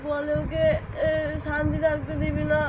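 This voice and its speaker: A woman's voice: sits high, completely flat delivery, moderate pace, lo-fi sound, noisy background. A woman, said to be possessed, who answers in short, fearful, childlike replies. She is outdoors among a crowd.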